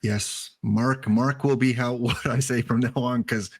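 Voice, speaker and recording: A man's voice: mid-range voice, steady tone, a little slow, dry recording. A man with a Canadian accent, chatting casually as the host of a show about a baseball card game.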